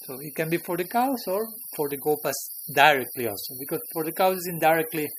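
Brief: man with a slightly high voice teaching scripture, chuckly, asks the room questions, faint hiss behind. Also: lively intonation, a little fast, a bit bright, poor audio. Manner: chuckling, checks in with listeners. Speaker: spiritual teacher. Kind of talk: scripture class.

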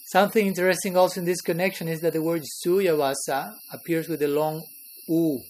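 Man, scripture teacher, somewhat high voice, laughs often, checks in with listeners. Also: steady tone, normal speed, a little mellow, slight background noise, poor audio. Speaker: spiritual teacher. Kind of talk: scripture class.

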